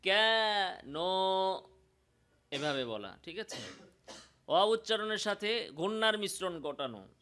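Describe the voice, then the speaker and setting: A man with a Bangladeshi Bengali accent teaching Quran pronunciation, explaining slowly and demonstrating sounds in drawn-out chanted examples. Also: high-pitched, very animated, sharp tone. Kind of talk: recitation lesson.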